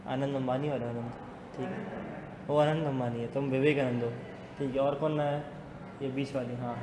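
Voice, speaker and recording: A man teaching a business law class in a classroom. He talks fast, teases students and mixes English into his speech. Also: medium pitch, steady tone. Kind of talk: classroom lecture. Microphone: not using the class mic. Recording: echoey classroom with long reverb and faint noise.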